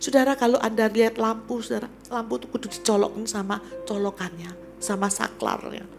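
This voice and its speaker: A middle-aged woman evangelist preaching a sermon to a church congregation. She swings from loud exclamations to hushed whispers. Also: fairly high pitch, a little fast, creaky, soft background music. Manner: often addresses the congregation as "saudara". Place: church service.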